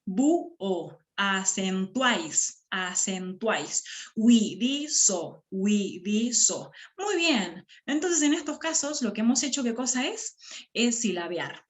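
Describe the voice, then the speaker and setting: A woman teaching a grammar lesson to her class, stretching words out syllable by syllable and checking in with short questions. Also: fairly high pitch.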